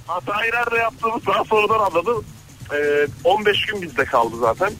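A man calling in to a radio show, telling a story in an animated way. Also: high voice, moderate pace, rough recording. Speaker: radio caller. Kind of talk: storytelling on a phone-in.

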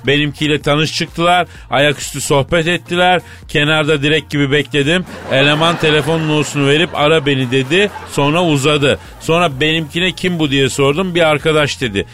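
A man hosting a comedy radio show, telling a story in a theatrical, slangy way that swings between mock sorrow and excitement. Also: on the high side, brisk, hardly any pauses. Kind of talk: comic storytelling in a radio sketch.

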